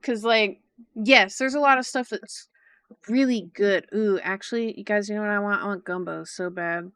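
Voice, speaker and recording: Bright, crisp-voiced woman streamer chatting. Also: mid-range voice, fairly even intonation, normal speed, no room sound, studio quality. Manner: chatty, thinking aloud. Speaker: streamer reacting to a video. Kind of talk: casual livestream reaction chat.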